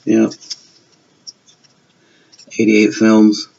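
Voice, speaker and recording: Gravelly and darkish, with fairly low pitch, completely flat delivery, and drawn-out words, a man in his fifties or sixties from Virginia speaks in a Southern US accent. He rambles chattily through his film collection in a show-and-tell vlog, running himself down with humor. Dull lo-fi audio carries faint hiss.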